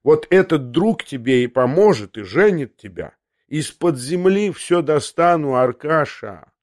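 A man's voice: on the high side, animated, measured pace, a little mellow, dry recording. A crude young schemer talks in a pushy, sneering way, voiced by a man. The sound is dry and close to the mic. It is a storybook reading. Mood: scheming. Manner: brash, coaxing, sneering.

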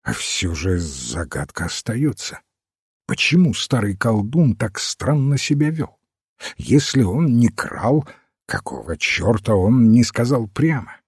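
A man's voice: mid-range voice, very animated, a little slow, darkish tone, dry recording, clean studio sound, exaggerated voice. A man voicing an impatient, blunt police detective who demands plain answers, in a storybook reading. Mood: baffled. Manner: gruff, pressing for plain answers.

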